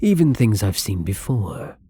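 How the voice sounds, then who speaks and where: Playing a newly turned male vampire who is shy, gentle, apologetic and hungry, a man performs intimate ASMR roleplay in a full, very animated character voice. It's lowish and breathy, dropping into whispers often, with an earnest, wondering mood and a halting, polite, soft-spoken delivery.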